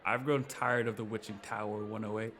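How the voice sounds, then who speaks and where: A man's voice: on the low side, level tone, fairly quick, a bit bright, faint music behind, lightly acted. A man reading as a curt, stern witch mentor. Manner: curt and commanding.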